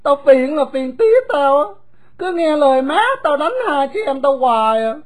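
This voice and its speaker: A woman with a Southern Vietnamese accent voicing a bitter, grieving young runaway boy who talks loud, high and blunt. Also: expressive, normal speed. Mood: indignant.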